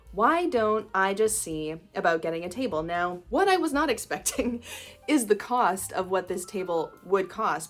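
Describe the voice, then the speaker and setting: A young woman, a self-employed illustrator, chatting casually in a vlog and laughing often as she thinks aloud. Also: medium pitch. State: groggy morning voice. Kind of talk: casual vlog talk to camera.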